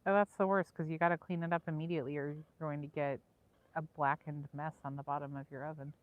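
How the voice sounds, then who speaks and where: A woman's voice: deep voice, flat delivery, fast talker, phone-quality sound. A woman hosting a livestream from beside a lake, chatting casually with viewers in an easygoing, rambling way. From Southern California. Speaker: livestream host. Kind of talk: casual chat with live viewers. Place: outdoors by a lake.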